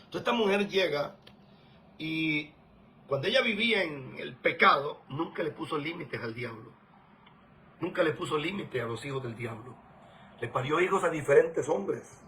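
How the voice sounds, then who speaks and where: A man's voice: on the high side, animated, normal speed, sharp tone, slight background noise, poor audio. Emphatic male preacher delivering a sermon. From Venezuela. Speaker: pastor.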